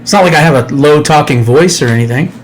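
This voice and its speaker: A man in his fifties co-hosts a casual podcast, trading jokes and sarcastic banter. His voice is fairly high and quick, recorded on a computer mic in a home studio.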